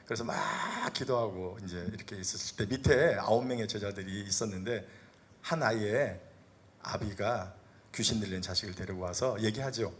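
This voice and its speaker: A middle-aged male senior pastor preaching a sermon in a church. He swings between loud, rising exhortation and low, quiet asides, asks the congregation questions and acts out voices from the Bible. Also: normal speed, slight background noise. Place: church sanctuary.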